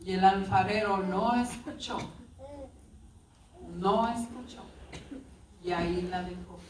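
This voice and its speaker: A woman's voice: mid-range voice, takes it slowly, darkish tone, slight background noise. A woman preacher telling a parable in a sermon, addressing the congregation as brothers, recorded from a distance in an echoey room.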